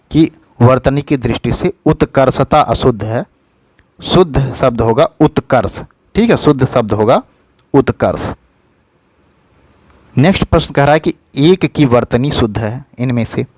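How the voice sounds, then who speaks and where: A man teaching as an exam tutor, patiently explaining spelling questions and repeating the correct form slowly, often checking in with "thik hai". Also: mid-range voice, dry recording.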